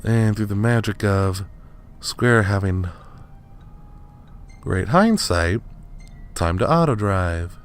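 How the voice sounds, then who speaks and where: A man's voice: fairly low pitch, animated, slow, long pauses. A man hosting a let's play, giving casual, rambling commentary over the game with chuckling asides and frequent restarts. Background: faint game music and sounds.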